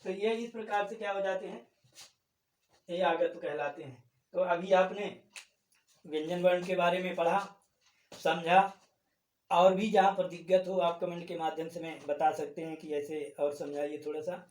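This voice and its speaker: High-voiced male teacher in an echoey room. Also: fairly even intonation, moderate pace, pauses often, a little mellow, recorded from a distance. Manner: asks the class questions and answers them himself; explains step by step, repeating terms. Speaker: Hindi grammar teacher. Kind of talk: classroom-style lesson.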